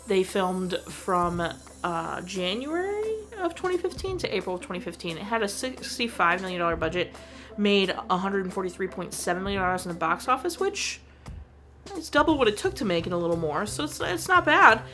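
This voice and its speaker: A woman's voice: medium pitch, sing-song, brisk, sharp tone, soft background music. A woman hosting her own show, giving a chatty, enthusiastic movie review full of "like.". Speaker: host.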